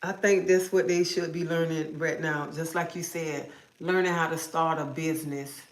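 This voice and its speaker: In an echoey room at home, a livestream host talks at a moderate pace in a low voice with fairly even intonation. She feels like she's coming down with a cold, and her casual chat rambles and repeats.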